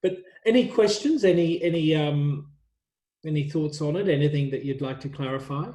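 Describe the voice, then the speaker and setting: Mellow-voiced male lecturer, echoey room. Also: on the high side, moderate pace. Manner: rambling, thinking aloud with many fillers and restarts. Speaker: university lecturer. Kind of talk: online workshop lecture.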